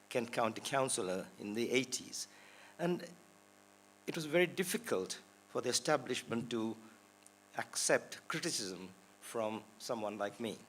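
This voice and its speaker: A man in his sixties from Sri Lanka speaks at a panel discussion. His voice sits in the middle range, and he talks earnestly, pushing hard on key words. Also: medium pitch. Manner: earnest, rising to emphatic stresses. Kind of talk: public talk at a panel. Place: lecture hall.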